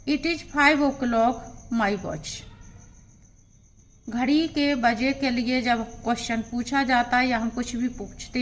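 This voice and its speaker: Woman, teacher, exam-prep grammar lesson, slow deliberate explaining, reads examples aloud. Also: a little high, a little hiss or hum. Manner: explains rules step by step, reading example sentences aloud.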